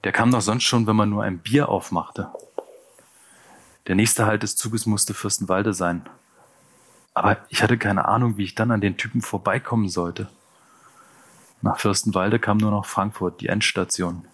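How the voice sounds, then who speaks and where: A man with a fairly low voice reads a first-person audiobook. His delivery is measured and tense, in steady scripted narration. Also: breathy edge.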